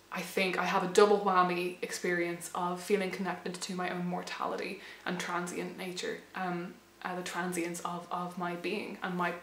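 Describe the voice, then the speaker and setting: Reflective young woman, slightly hoarse. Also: lowish voice, fairly bright tone, roomy sound, a little hiss or hum. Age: late 20s to 30. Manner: thoughtful, hesitant, many restarts and fillers. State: losing her voice a little. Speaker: channel host. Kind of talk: reflective personal vlog.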